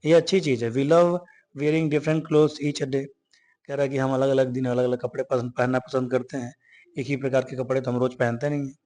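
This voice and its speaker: A man explaining a textbook chapter to students. He reads the English lines slowly and carefully, then explains them in with a steady, mid-pitched voice. He keeps asking rhetorical questions and answers them himself. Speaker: teacher.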